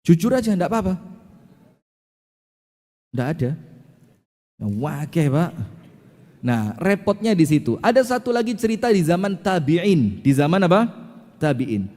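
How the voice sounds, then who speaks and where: Lively preacher in a hall. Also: male voice, high voice, unhurried, pauses often. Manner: lively storytelling, acting out characters, joking with the audience. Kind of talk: sermon. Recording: long hall reverb.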